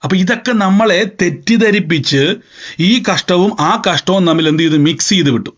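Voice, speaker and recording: A man's voice: high voice, normal speed, a bit bright. A man preaching a sermon as pastor, quoting scripture and firing rhetorical questions at the congregation. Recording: dull lo-fi sound.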